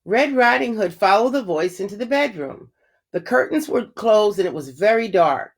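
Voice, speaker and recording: A woman reading a children's storybook aloud in a clear, measured, expressive way. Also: medium pitch.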